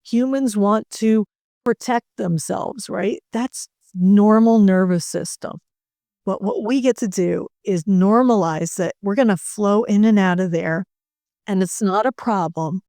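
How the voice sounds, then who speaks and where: A woman's voice: mid-range voice, measured pace, mellow, dry recording, clean studio sound. A middle-aged woman, a leadership coach, speaking in a soothing way and leading a guest through breathing exercises. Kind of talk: calm guided coaching talk.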